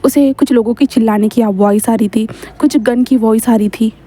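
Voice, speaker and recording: A woman's voice: on the high side, fairly even intonation, moderate pace, mellow. A woman casually reading a fan-fiction story aloud, chatty and correcting herself as she goes.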